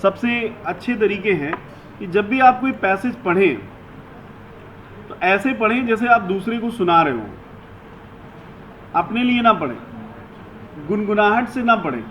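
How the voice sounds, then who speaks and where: Slow-speaking male English teacher. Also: high voice, animated, fairly bright tone, a little hiss or hum, low-quality recording. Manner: instructive, mixes Hindi and English, slow deliberate emphasis. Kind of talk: classroom lesson.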